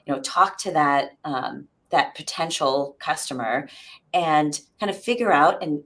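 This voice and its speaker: A low-pitched woman appears as an executive guest in an interview. She explains things conversationally and often checks in with the listener.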